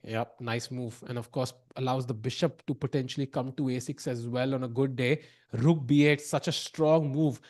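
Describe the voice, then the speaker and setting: A man with an Indian accent giving casual live chess commentary in a chatty, bantering way. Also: a little high. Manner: chatty, bantering, mixes Hindi and English.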